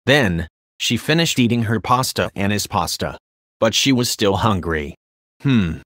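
A man narrates his own crude comic story in a flat, deadpan read. His voice sits on the low side. The recording is close and completely dry. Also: a little slow, no room sound.

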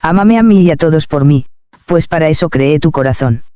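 A man reading a stern, gentle divine voice. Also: on the high side, animated, fairly quick, clear, resonant tone, no room sound, natural voice. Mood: admonishing. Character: stern, tender male divine voice.

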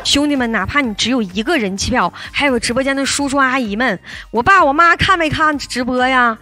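A young woman hosting a livestream, coaxing viewers to send gifts in a lively way with frequent laughter. Her voice is slightly hoarse. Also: high voice, fairly quick. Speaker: livestream host. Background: loud backing music.

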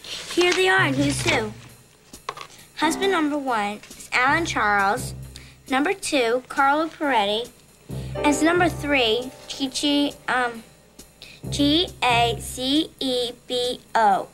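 A woman's voice: high-pitched, slow pace, music in the background, poor audio. A young teenage girl playing an earnest kid detective who leads her friends in a TV drama. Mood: businesslike. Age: young teen.

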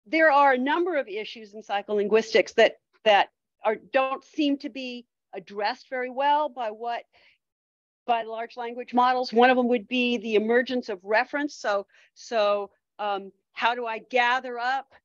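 A woman's voice: fairly high pitch, no room sound, highs cut off. A woman giving an academic lecture, thinking aloud with frequent restarts and fillers.

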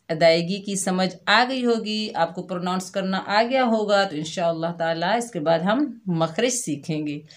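Slow, patient woman teacher. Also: medium pitch. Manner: drawn-out demonstration of letter sounds, gentle coaxing. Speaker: Quran reading teacher for children. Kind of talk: slow patient recitation lesson.

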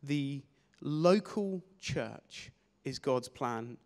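A young man preaching a sermon on a church stage with a handheld mic, energetic and gesturing, often repeating words as he restarts phrases. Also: mid-range voice, drawn-out words. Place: church stage in a large hall. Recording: long hall reverb.

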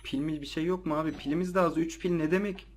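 A man's voice: on the high side, steady tone, fast talker. Jumpy man narrating a horror game. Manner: jumpy, easily startled, slangy chatter to viewers. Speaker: let's play gamer. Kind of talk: casual gameplay commentary.

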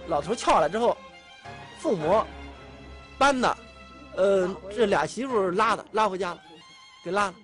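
A man's voice: high voice, a bit bright. A man speaking up from the audience of a mediation show, scolding with repeated rhetorical questions. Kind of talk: heated interjection.

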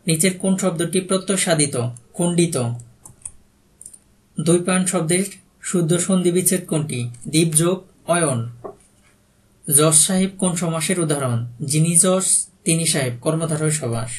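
Bangladeshi guy tutoring for exams, a bit high voice, reads a question then just says the answer. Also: measured pace, pauses often, a little mellow. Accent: Bangladeshi Bengali. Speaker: exam prep tutor. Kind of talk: reading out quiz answers with explanations.

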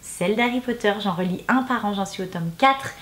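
A woman's voice: mid-range voice, brisk, a bit bright, echoey room, slight background noise. A woman vlogger chatting casually about her reading list, jokey and self-mocking. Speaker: book vlogger. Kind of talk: casual chat to camera.

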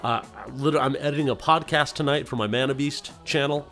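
A man's voice: medium pitch, steady tone, fast talker, fairly bright tone, soft background music. Playful man hosting a game stream. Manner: loose and playful, talks to chat, slips into silly voices. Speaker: livestream host. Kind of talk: casual livestream chat.

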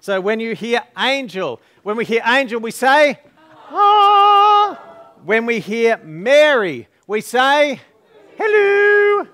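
A man's voice: very high voice, animated, unhurried, hardly any pauses, fairly bright tone. A man pastor leading a Christmas story at a church service, playfully coaching the crowd through call-and-response prompts.

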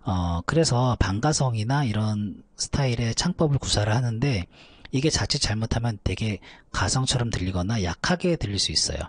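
A man teaching a vocal lesson, calmly explaining technique between high belted demonstrations. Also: normal speed, slightly rough, dry recording. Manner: explains calmly, then belts high shouted notes. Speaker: vocal coach.

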